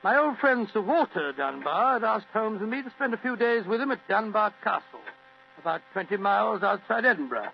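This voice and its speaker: An actor playing a genial older British gentleman doctor who tells stories in an old radio drama. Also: high voice, sing-song, a little fast, gravelly, heavily acted. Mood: genial, reminiscing. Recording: muffled old radio recording with hum and hiss.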